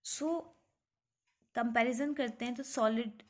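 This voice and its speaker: A woman teaching a lesson, slowly explaining and asking the viewer questions. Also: on the high side. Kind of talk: classroom physics lesson mixing Hindi and English.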